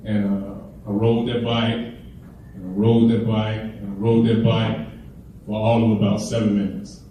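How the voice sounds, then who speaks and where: Speaking slowly in a lowish, warm voice with flat delivery, a middle-aged Chicagoan gives a motivational keynote. He relates humorous stories in a relaxed, conversational way. The sound is echoey, with the mic far away and a faint hiss.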